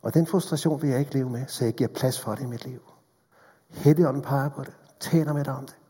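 A man preaching a sermon in a church, earnest and direct, swinging between fervent appeals and hushed, intimate passages. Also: medium pitch, slightly rough. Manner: earnest, rises to fervent appeals then drops to hushed tones. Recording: long hall reverb.

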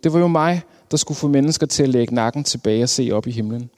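A man's voice: medium pitch, darkish tone, close to an everyday voice. A man voicing a proud tall tree that sobs with wounded pride in a storybook. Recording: long hall reverb.

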